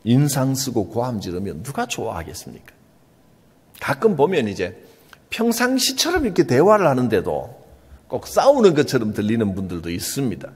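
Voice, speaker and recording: A male pastor with a Gyeongsang Korean accent, preaching an earnest, emphatic sermon with soft asides. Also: fairly low pitch, husky, in a large hall. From Gyeongsang region, Korea.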